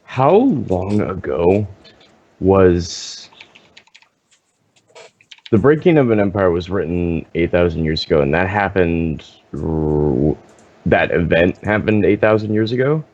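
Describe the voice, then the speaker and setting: A man's voice: low voice, expressive, slow pace, darkish tone. A man casually asking questions as a player in a tabletop game on an online group call. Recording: dull lo-fi call audio.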